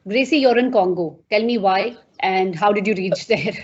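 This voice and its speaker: A woman's voice: mid-range voice, normal speed. Woman interview host, effusive, lots of fillers, dull lo-fi call audio. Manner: warm, effusive, frequent fillers.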